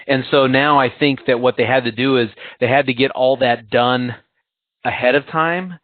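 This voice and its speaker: An American man co-hosts a casual podcast, rambling, poking fun at himself and laughing often. His medium-pitched voice has fairly even intonation and normal speed, with no echo but a tinny, phone-like sound.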